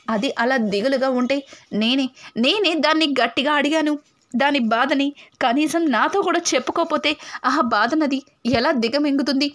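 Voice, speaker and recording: A woman reading as a stern older aunt who scolds and lays down the law. The voice is high, firm and commanding. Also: fairly bright tone.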